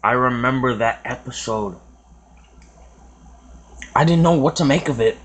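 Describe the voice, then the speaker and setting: A man's voice: medium pitch, measured pace. A young man rambling hesitantly in a casual reaction commentary, with many fillers and restarts. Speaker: reaction video host.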